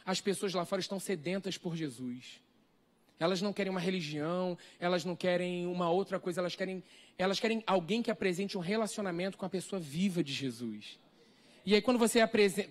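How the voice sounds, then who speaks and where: A man with a Brazilian accent preaching a sermon, earnest and full of repeated rhetorical questions. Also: high voice. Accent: Brazilian Portuguese. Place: church hall, live stream.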